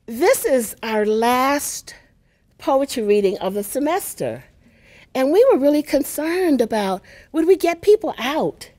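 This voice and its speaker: In a university lecture hall, an older woman who directs a poetry center welcomes a live audience and introduces a reading. She has a big, higher-than-usual, sing-song voice and speaks leisurely, warm and chatty, with plenty of fillers.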